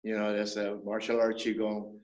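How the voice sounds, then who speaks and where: A man in his seventies, a traditional medicine doctor, explaining things in a measured way as an interview guest, often restarting his sentences. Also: lowish voice, monotone, a little mellow. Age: 70s. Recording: roomy echo.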